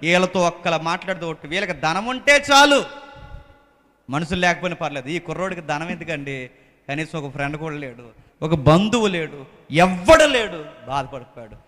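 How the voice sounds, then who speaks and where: A man preaching as a pastor in a fervent sermon, swinging between loud exhortation and hushed pleading into a microphone. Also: on the high side, animated, brisk, long reverb tail.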